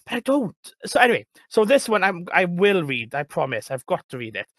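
A man's voice: sits high, sing-song, a little fast, fairly bright tone, dry recording. A Welsh man, a librarian, chatting about books in a rambling, hesitant way, often repeating words. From Wales. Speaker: librarian, guest. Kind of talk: casual book chat.

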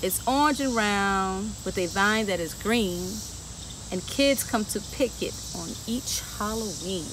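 A garden educator reads to children outdoors in a medium-pitched, unhurried voice, first on a bench and then strolling among the plants for a tour. Lively and direct, she asks the kids questions as insects buzz steadily. It's captured by a camera several feet away with no visible microphone.

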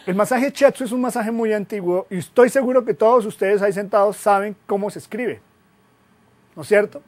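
A man, a guest web consultant giving a classroom lecture, lively and asking rhetorical questions. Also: sits high, moderate pace. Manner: lively, asks rhetorical questions, jokes at himself.

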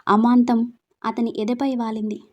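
A woman narrates a romance story in a steady, expressive storytelling manner. Her voice sits fairly high. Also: a little slow, muffled recording.

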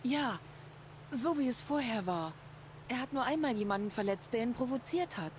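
An actress voicing a caring sister in a video game, speaking in a gentle, earnest way. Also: female voice, fairly high pitch, animated, normal speed, slight background noise, close to an everyday voice. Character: caring sister of a troubled man.

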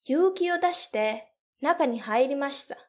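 Young woman teacher reading a story real slow and clear, high voice, careful phrasing. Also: animated. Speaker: language teacher.

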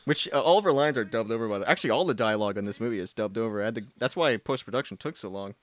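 A man's voice: on the low side, lively intonation, racing, dry recording. A man casually commenting on his own movie, rambling and self-mocking, laughing often.

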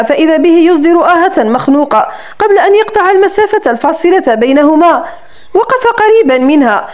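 High-voiced woman narrating a romance novel. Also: darkish tone. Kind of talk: scripted audiobook narration.

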